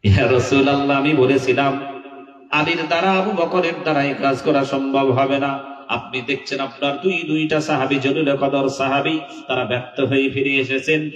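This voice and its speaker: A man's voice: medium pitch, fairly even intonation, normal speed, dull audio, lightly acted. A man voicing an eager companion in a sermon story who pleads insistently to be sent. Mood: pleading. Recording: echoey, from far off.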